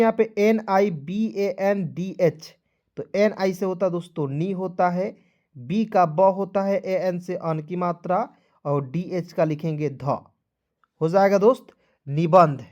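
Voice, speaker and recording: A man's voice: sits high, a little mellow. A male teacher giving a beginners' spelling lesson, repeating each step and coaxing his viewers along as friends.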